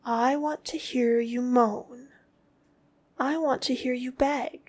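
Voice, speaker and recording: A woman speaks in a commanding, scornful tone, dropping often into a whisper. Her delivery is very slow and deliberate, with long gaps between short phrases, and her voice sits on the higher side. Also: steady tone, darkish tone, husky. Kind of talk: scripted dominant roleplay audio.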